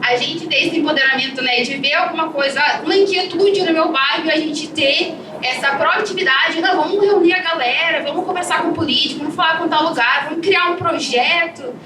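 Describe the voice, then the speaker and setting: A woman activist speaks in an urging, rallying way, her voice pitched high. She is heard from a distance in an echoey room. Room noise sits clearly behind her. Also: a little fast. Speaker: youth activist panelist. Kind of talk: talk to an audience. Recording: echoey room, far from mic, noisy.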